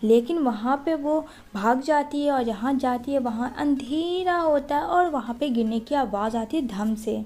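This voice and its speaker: A woman narrating a drama recap in a lively, conversational way. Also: high voice, a little slow, hardly any pauses.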